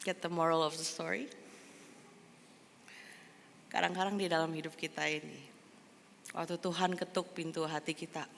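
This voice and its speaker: A woman pastor giving a casual, chatty sermon, animated and storytelling, slipping in English phrases. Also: low-pitched, moderate pace, creaky, long pauses, in a large hall, a little hiss or hum. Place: church hall.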